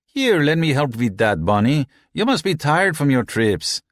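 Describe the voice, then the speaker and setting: A man's voice: a little high, very animated, moderate pace, no echo, clean studio sound, pitched above the performer's own voice. A man voicing a jokey, falsely friendly male space worker who pulls a prank, read for an audiobook. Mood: teasing.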